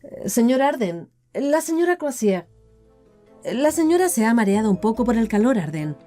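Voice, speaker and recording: A woman narrator with a Latin American Spanish accent voicing a brisk, courteous plantation manager calling over a worker. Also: fairly high pitch, big pitch swings, dark tone, faint music behind, voice pushed up.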